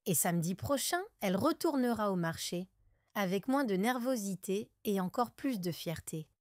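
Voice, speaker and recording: A woman narrating a story for French learners in a calm, clear, deliberate way. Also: mid-range voice, dry recording, studio quality. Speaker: audiobook narrator.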